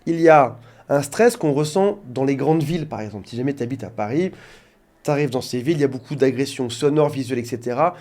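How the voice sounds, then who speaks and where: A man's voice: mid-range voice, quick pace, darkish tone. A man working as a relationship coach, explaining things directly to his viewers in an informal talk, with joking asides. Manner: jokey asides.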